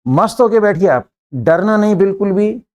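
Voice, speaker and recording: A middle-aged man from India teaching an English class in a classroom. He mixes Hindi and English, speaks English with an Indian accent, and slows down for the English phrases. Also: high-pitched, lively intonation, darkish tone. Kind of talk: classroom lecture.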